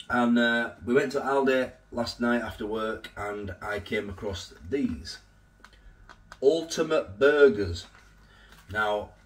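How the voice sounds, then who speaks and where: A man's voice: mid-range voice, fairly bright tone. A man with a nasal voice from a cold, chatting casually in his kitchen as he reviews food for his vlog. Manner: chatty and rambling, with filler restarts. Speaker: food vlogger. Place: home kitchen. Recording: slightly distant from the mic.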